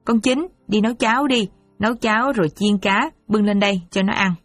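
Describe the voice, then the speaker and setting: A woman voicing a worried, gentle mother who coaxes her daughter softly. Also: medium pitch, brisk, no room sound, soft background music, natural voice. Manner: soft, coaxing and anxious.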